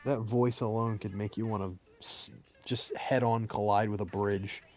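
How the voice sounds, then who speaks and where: A man's voice: on the low side, fairly even intonation, normal speed, a little mellow. A young man co-hosting casual gameplay commentary with joking, sarcastic banter. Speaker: gaming channel co-host.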